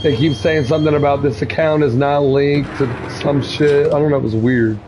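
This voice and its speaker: A man's voice: a little high, fairly even intonation, normal speed, noisy background. A young man streaming a game, chatting casually on voice chat, swearing and teasing. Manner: profane, teasing, laughing on voice chat. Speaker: gaming streamer.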